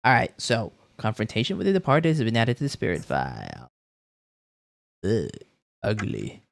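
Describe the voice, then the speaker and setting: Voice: medium pitch, huge pitch swings, moderate pace, creaky. A game streamer reading on-screen text aloud theatrically, with casual muttered asides. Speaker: VTuber streamer.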